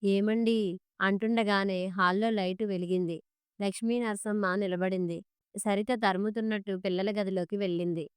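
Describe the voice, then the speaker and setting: A woman storyteller reading a story in a steady, measured way. Her voice is exceptionally clear and stays fairly flat in pitch. The recording is dry and close, with no room sound. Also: no echo. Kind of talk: scripted story narration.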